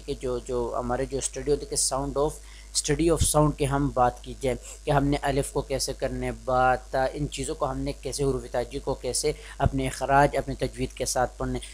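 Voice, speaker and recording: Young guy from pakistan teaching reading skills, lots of restarts, drops english phrases in. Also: mid-range voice. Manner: hesitant, many restarts, slips into English phrases. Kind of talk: informal spoken lesson.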